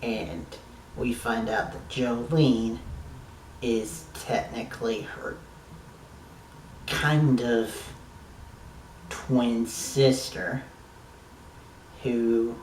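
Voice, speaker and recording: A man talks through a TV episode in a slow, unhurried drawl, with the rambling enthusiasm of a fan who swears now and then. His voice sits a little off from the microphone in a roomy, echoing space, with faint ambient noise behind him. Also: medium pitch, steady tone, a little mellow, distant mic. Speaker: TV episode reviewer. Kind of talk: casual review monologue.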